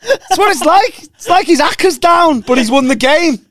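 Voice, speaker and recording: A man's voice: very high-pitched, expressive, moderate pace, a bit bright, no echo, studio quality. A young man in his twenties, co-hosting and joking in casual banter, swearing freely. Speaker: podcast co-host.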